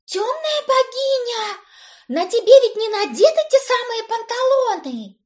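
A woman voicing a bossy young witch cousin who shouts shrill demands. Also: sing-song, moderate pace, exaggerated voice. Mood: shrill demanding.

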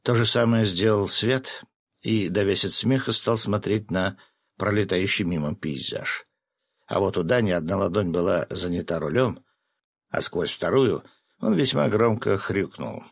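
Gravelly low-voiced male storyteller. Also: unhurried, no room sound, clean studio sound. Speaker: audiobook narrator. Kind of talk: first-person storybook narration.

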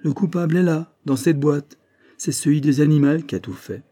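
A man's voice: mid-range voice, moderate pace, warm tone, breathy edge. A man voicing an emphatic male investigator who lays out the truth of a crime, his voice raised and pressing. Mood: triumphant. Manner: emphatic, probing, raised and tense. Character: sharp, insistent male investigator unveiling a crime.

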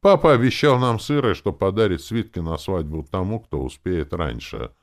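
A man's voice: low-pitched, animated, moderate pace, voice pushed up. A man voicing an earnest young man who protests and then apologizes, in an audiobook reading. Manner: earnest, aggrieved.

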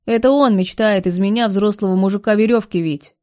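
A woman's voice: mid-range voice, fairly even intonation, brisk, warm tone, natural voice. A woman voicing a stubborn, cocky rich young man who talks bluntly and teases. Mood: defiant. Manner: blunt and teasing.

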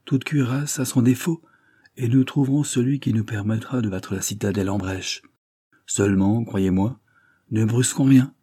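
Guy reading ironic worldly gentleman from an old novel, dark husky voice, low-ish. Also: dry recording, natural voice. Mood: musing. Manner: dry, ironic, measured. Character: sardonic worldly young male gentleman.

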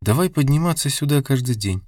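A man reading the part of a gentle, dreamy young woman in an audiobook, lifting his voice higher and softer. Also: expressive, a little fast, no echo, clean studio sound, close to an everyday voice. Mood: tender. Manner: soft, raised-pitch delivery.

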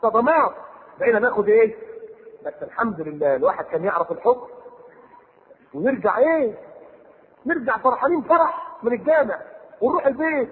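A man's voice: very high voice, animated, brisk, long pauses. A man preaching in an Egyptian Arabic accent, theatrical, acting out people and joking with his listeners. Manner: theatrical, acts out people and jokes with the audience. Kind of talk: recorded sermon lecture. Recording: tinny lo-fi recording with long hall reverb and faint hiss.

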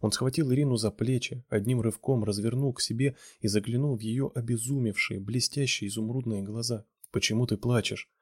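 A man reading a romance novel aloud in a steady, measured narration. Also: medium pitch, slightly rough, dry recording, studio quality. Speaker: audiobook reader.

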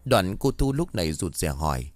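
A man narrates a ghost story with an expressive, animated delivery. His pitch moves a lot, and the recording is close and dry. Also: moderate pace, no room sound.

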